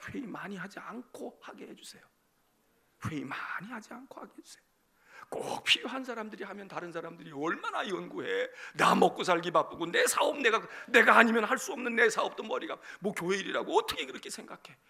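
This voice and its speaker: Animated high-voiced preacher with a gravelly rasp. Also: male voice, brisk. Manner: animated, acts out dialogues, asks the congregation questions. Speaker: senior pastor. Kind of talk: sermon.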